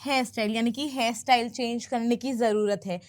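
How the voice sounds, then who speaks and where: A woman teaching English who explains film dialogue line by line, patiently repeating phrases slowly for learners. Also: a little high, steady tone.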